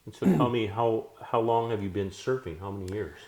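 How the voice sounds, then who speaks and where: A man's voice: fairly low pitch, a little fast, darkish tone. A man hosting a casual interview and asking friendly, easygoing questions. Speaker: interviewer, host.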